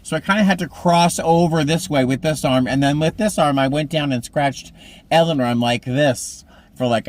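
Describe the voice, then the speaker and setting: A man's voice: a little high, fairly bright tone. A man in his mid-fifties chatting casually to camera from a parked car, telling meandering stories. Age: 50s. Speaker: vlogger. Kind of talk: casual vlog chat.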